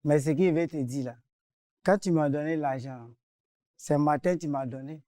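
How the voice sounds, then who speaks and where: A man's voice: fairly high pitch, moderate pace, mellow, no room sound, studio quality. A man explaining himself hesitantly and apologizing for a debt he has not repaid. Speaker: carpenter in a dispute. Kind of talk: defending himself on a mediation show.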